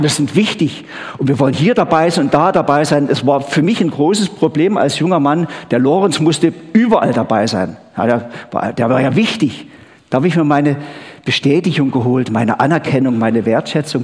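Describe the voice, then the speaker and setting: A man's voice: medium pitch, animated, a little fast, a little mellow. A man preaching a chatty sermon, often checking in with the crowd with "gell?" and "ha?". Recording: long hall reverb.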